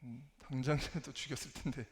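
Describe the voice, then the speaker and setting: A man with a somewhat low voice delivers a personal testimony in church. His speech is hesitant and self-effacing, with frequent pauses as he searches for words. The recording carries a roomy echo and long reverb from a large hall. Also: steady tone. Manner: halting, hesitant, self-deprecating. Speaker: church member giving a testimony. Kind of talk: church testimony, spoken sermon.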